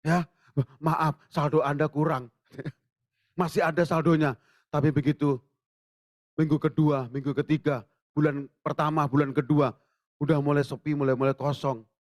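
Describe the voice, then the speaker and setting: Lively storytelling male pastor, close and dry. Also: fairly high pitch, normal speed, pauses often, dry recording. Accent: Indonesian. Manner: animated storytelling, acts out dialogue, jokes with congregation. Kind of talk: sermon. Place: church sanctuary.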